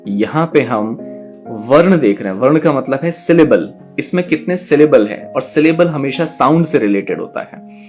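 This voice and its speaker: Guy teaching a poetry class online, patient, drags out syllables, soft guitar in the back. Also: medium pitch. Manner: slow, drawn-out syllable demonstrations; explains patiently, addresses students directly.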